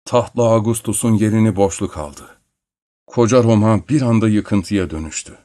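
A man reads a literary story aloud as audiobook narration. His voice sits low and deep, and his delivery is measured and solemn. The sound is dry and close, with no room echo. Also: dark tone.

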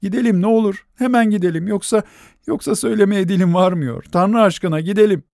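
A woman's voice: medium pitch, a little fast, vocal fry, dark tone, dry recording, studio quality, voice pushed up, close to an everyday voice. A man voicing a frantic, pleading young wife. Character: desperate young wife begging a doctor.

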